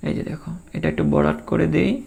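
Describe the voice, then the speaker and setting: A man with a strongly gravelly voice gives a biology lesson to students. He drills terms by repeating them, asks questions and answers them himself, and voices the questions students might ask. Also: fairly high pitch, fairly quick, mellow, a little hiss or hum. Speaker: teacher. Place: recorded for an online lecture.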